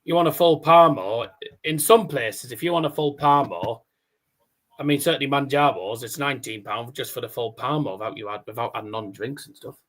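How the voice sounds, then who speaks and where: A man's voice: medium pitch, a little fast, fairly bright tone. A man, a stutter and R's that come out as W's, chatting casually and commentating as a livestream host, with some swearing. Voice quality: cannot pronounce R's, says w for r. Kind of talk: casual watchalong chat and darts commentary.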